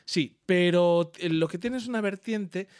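Animated swearing Spaniard telling stories. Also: male voice, sits high, measured pace, clean tone, no echo, clean studio sound. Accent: Spain Spanish. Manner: animated storyteller, swears freely, imitates others. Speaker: podcast co-host. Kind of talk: casual chat among friends.

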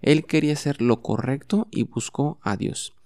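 A man's voice: medium pitch, normal speed, darkish tone, no echo. A man teaching as a podcast host in a bilingual lesson, patiently repeating words and phrases for the listener to say back.

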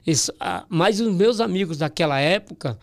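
A Brazilian comedian with a high, gravelly voice tells stories in an interview. He speaks in a Brazilian Portuguese accent and acts out the people in his stories, with an animated delivery. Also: moderate pace. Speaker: comedian guest. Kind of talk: storytelling anecdote in a podcast interview.

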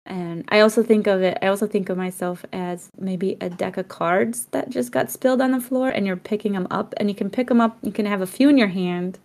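A woman's voice: mid-range voice, fairly quick, few pauses, a little mellow. Reflective woman, laughing between thoughts. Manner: reflective, laughs often, many restarts. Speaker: podcast co-host. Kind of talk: casual conversation.

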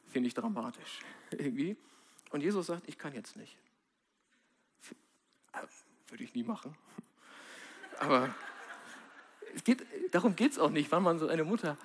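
A man giving a sermon in a casual, direct way, with slang and slow, quiet stresses. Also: fairly high pitch. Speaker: preacher.

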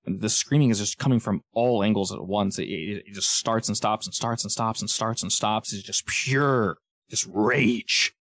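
A man running a tabletop game, improvising casual, descriptive narration and pausing to search for words. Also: fairly low pitch, a bit bright, no room sound. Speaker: game master.

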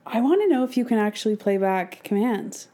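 A woman co-hosting a podcast, reacting to a spooky story with quick questions and interjections. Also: on the high side, animated, dark tone. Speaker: podcast co-host. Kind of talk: casual chat, reacting to a story.

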